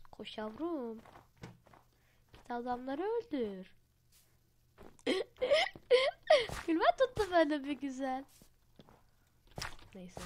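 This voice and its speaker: Chatty gamer woman, noisy headset. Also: on the high side. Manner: chatty and excitable, laughs often. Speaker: gaming channel host. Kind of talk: casual gameplay commentary. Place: at home. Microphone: headset mic.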